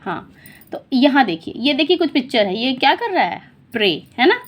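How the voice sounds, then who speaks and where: A woman teaching children to read, slowly and patiently, repeating sounds and asking questions. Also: high-pitched, very animated, muffled recording. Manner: slow, patient, repeats and quizzes the listener. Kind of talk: phonics lesson for children.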